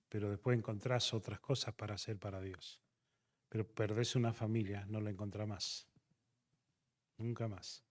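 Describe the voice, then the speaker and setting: A man's voice: on the low side, a little mellow, in a large hall. A man, a missionary pastor, telling his testimony to a class and acting out the dialogue as he goes.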